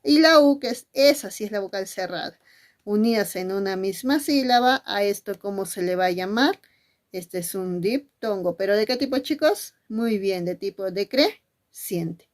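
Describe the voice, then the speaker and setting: A woman's voice: mid-range voice, animated, moderate pace. Woman teacher quizzing her own class. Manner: asks questions and answers them herself, affectionate with pupils. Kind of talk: spelling lesson.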